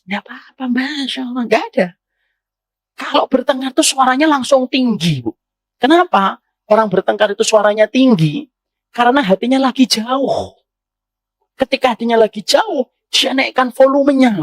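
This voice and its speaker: A male Islamic preacher giving a sermon to women, speaking to them directly, asking them questions and moving between low, calm passages and raised, emphatic ones. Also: no echo. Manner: addresses audience directly, asks them questions. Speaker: ustadz preacher.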